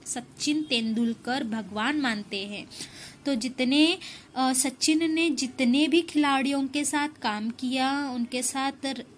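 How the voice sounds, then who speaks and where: Slow, high-voiced woman teacher. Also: a little hiss or hum. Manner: asks questions and answers them herself, repeats key lines. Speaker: school teacher. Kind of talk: classroom lesson reading and explaining a text.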